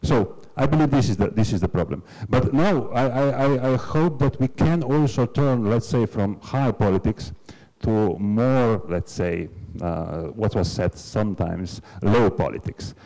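A man with a Slovenian accent moderates a university panel, speaking haltingly and filling gaps with ums. His voice is low and mellow. The sound carries the long reverb of a lecture hall. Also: lively intonation. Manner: hesitant, many fillers.

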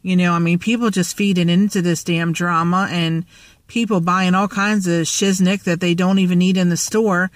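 A woman's voice: fairly low pitch, steady tone, moderate pace, no room sound. A woman, chatting in a rambling, joking way with lots of fillers, talking to her phone at arm's length in a parked car. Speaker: vlogger. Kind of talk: rambling casual vlog. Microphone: phone held at arm's length.

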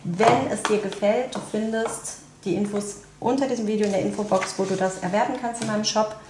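A woman's voice: mid-range voice, fairly even intonation, a little fast, echoey room, noisy background. A woman giving a casual tarot card reading, talking chattily with many tag questions and fillers. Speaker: tarot reader.

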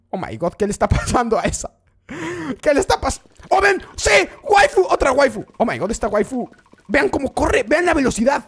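A live gaming streamer commentating excitedly, often shrieking at the game and constantly talking to the chat. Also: high voice, breathy edge.

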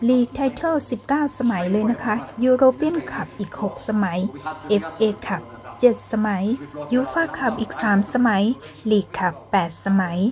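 With a higher, animated voice at a normal speed, a young woman narrates a casual tour vlog from a football stadium museum indoors. As host and tour guide she is polite and chatty, frequently adding soft sentence-end particles, and she speaks English with a Thai accent when she switches languages.

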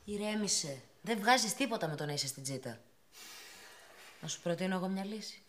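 An actress playing a calm woman who talks a man through a plan about his divorce. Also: lowish voice, a little hiss or hum. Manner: calm, persuasive. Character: calm scheming woman advising a friend. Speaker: actor in a TV comedy series. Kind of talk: sitcom acting.

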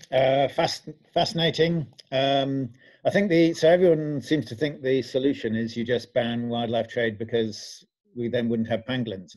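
A man's voice: medium pitch, a little mellow. A man chairs a seminar panel over a video call. He thanks one speaker and introduces the next, hesitating often with fillers. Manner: halting, many fillers.

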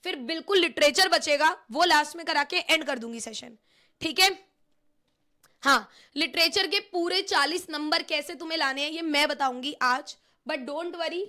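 A woman's voice: sits high, pushed and bright. A young woman teacher, running a live online revision class in a chatty, teasing way and slipping phrases into her talk.

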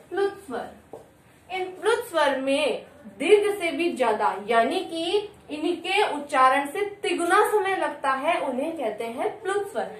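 High-voiced woman teaching in an echoey room. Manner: asks questions and answers them, addresses children. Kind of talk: classroom grammar lesson. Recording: echoey room, mic at a distance.

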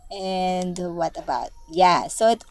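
A woman's voice: lowish voice, expressive, slow pace. A woman giving a casual screen-share tutorial as a lighting designer, chatting and thinking aloud as she browses her files.

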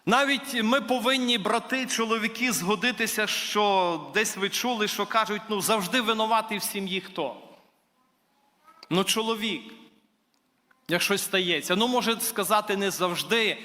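A man's voice: high voice, normal speed, bright, forceful tone. A man preaching a sermon in church, earnest and building to emphatic declarations, addressing his listeners as brothers and sisters. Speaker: guest preacher. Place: church hall. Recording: reverberant church hall.

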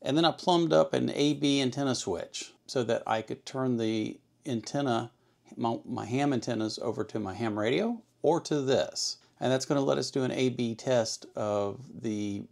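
A slightly mellow, gravelly mid-range voice belongs to the man running this electronics hobby channel. He walks through a casual hands-on demonstration, frequently asking himself questions and then answering them.

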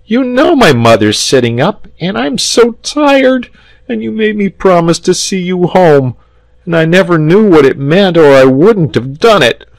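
A man's voice: high-pitched, animated, a little slow, vocal fry, dry recording, voice pushed up, heavily acted, poor audio. A man voicing a tired, tearful little boy in a storybook, piteous and complaining. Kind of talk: storybook character voice.

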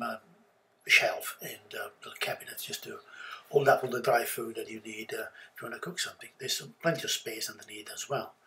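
Man narrating a boat refit, halting. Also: medium pitch, fairly bright tone. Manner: halting, many fillers and restarts. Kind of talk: casual voice-over narration.

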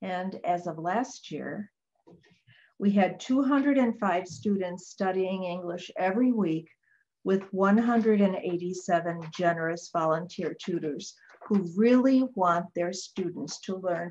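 Older woman reading calmly on a video call. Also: fairly low pitch, slow, lo-fi sound. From Chicago, Illinois. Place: small home office with bookshelves. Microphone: webcam on a video call.

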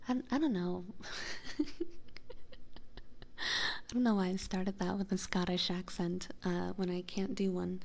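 A woman whose first language is Hungarian whispers softly to viewers during an ASMR chat stream recorded on a binaural microphone. Her voice is lowish with fairly even intonation and vocal fry, and she halts now and then with fillers.

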